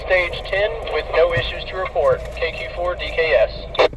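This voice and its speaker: High-voiced man on a noisy ham radio. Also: distant mic. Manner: brisk radio procedure, ends with call sign. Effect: heard over a ham radio with static. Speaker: ham radio operator in a race car.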